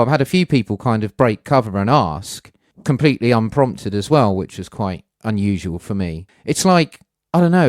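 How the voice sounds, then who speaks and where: A man's voice: medium pitch, a little mellow, no echo, studio quality. A middle-aged man hosting a podcast, talking in a thoughtful, conversational way with hedging asides. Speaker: podcast host. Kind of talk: reflective personal podcast monologue.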